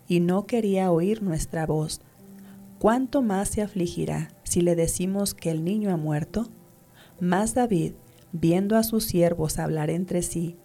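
A woman reading scripture aloud in a measured, even way. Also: on the low side. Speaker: scripture reader.

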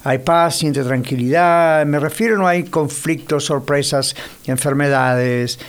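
A man's voice: a little high, unhurried, smooth. Man preaching a conversational radio sermon. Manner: conversational, addresses the listener directly. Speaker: radio pastor. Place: United States.

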